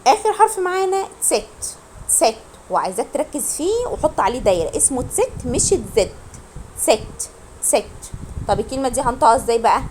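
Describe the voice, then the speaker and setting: A woman with an Egyptian Arabic accent teaching a beginner German lesson online. She drills pronunciation, repeats words slowly and quizzes her students. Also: high voice, animated, darkish tone, slight background noise.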